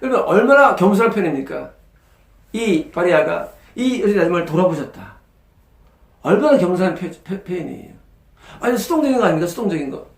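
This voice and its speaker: High, animated gravelly preacher man. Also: fairly quick, reverberant. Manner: emphatic preaching with rhetorical questions. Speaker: pastor. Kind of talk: sermon. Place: church sanctuary.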